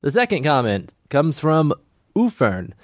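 A man hosting a science podcast, answering listener comments and explaining calmly and clearly. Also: on the high side, a little slow, no room sound, studio quality. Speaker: podcast host.

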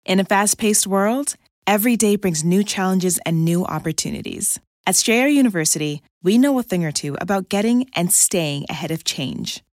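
A woman reading a scripted commercial in a calm, measured way. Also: mid-range voice, dry recording, studio quality. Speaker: ad announcer.

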